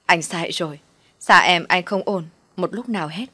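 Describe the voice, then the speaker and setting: A woman's voice: lowish voice, moderate pace, sharp tone, dry recording. A woman voicing an ill young man in a storybook, speaking tenderly to his lover with a choked voice. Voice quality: emotional, voice choking.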